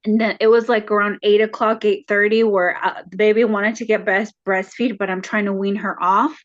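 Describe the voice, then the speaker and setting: A woman as a counseling client, retelling a home conflict haltingly with many fillers, her voice rising when upset. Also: medium pitch, level tone, dry recording, highs cut off. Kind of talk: emotional retelling in a counseling session.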